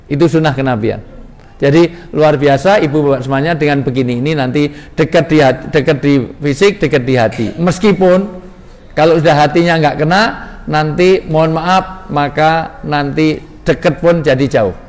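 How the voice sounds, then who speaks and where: A man's voice: fairly high pitch, moderate pace, a little mellow. A man preaching an interactive mosque sermon, joking and directing his audience. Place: large mosque hall. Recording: reverberant hall with faint ambience.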